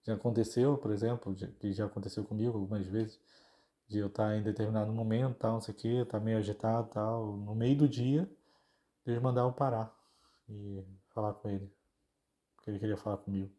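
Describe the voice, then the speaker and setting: A man's voice: lowish voice, fairly even intonation, fairly quick, warm tone. A man with a Brazilian Portuguese accent, hosting a podcast in a casual devotional style, talking informally and speaking straight to his listeners. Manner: informal, conversational, addresses listeners directly. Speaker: podcast host.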